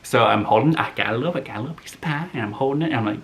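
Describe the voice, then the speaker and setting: A man in his thirties chatting casually to camera as a movie vlogger, rambling and animated, full of "like". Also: medium pitch, very fast.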